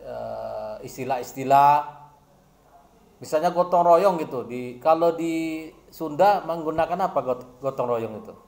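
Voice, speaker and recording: A man's voice: fairly high pitch, measured pace, vocal fry, darkish tone. Probing man with a raised voice in an echoey room. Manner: rambling, searching questions with many restarts. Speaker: academic supervisor questioning a student. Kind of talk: probing academic discussion.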